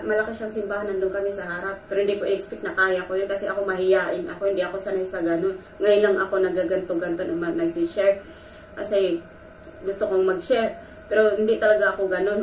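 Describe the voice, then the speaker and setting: A woman's voice: medium pitch, fairly even intonation, fast. A woman vlogger telling a personal story, earnest and emotional, talking straight to her viewers. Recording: echoey room from a distance with faint noise.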